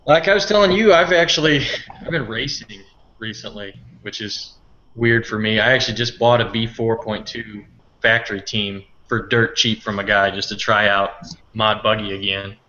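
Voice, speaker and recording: A man appears as a guest on a podcast, speaking in a bright, forceful voice. He hesitates and trails off, shrugging with "I don't know." The sound is muffled and lo-fi. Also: fairly low pitch, normal speed, slight background noise. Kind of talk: casual chat.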